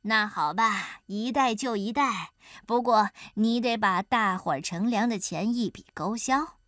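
A woman voicing a clever, sly folk-hero man in a children's storybook reading, calm and teasing. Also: mid-range voice, no room sound, clean studio sound, natural voice. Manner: calm, teasing, deliberately slow. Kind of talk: storybook character voice.

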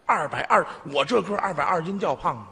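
Husky, bright-voiced comic man on stage. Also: fairly high pitch, fairly quick, in a large hall. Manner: boastful, animated storytelling with sudden loud outbursts. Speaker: lead comedian in a crosstalk duo. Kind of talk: stage comic dialogue performance.

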